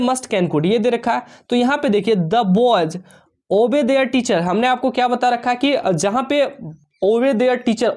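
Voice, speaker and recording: With a high voice, a man leads an exam-prep English lesson, explaining each step and reading English sentences out slowly. He warmly calls his students "dear children."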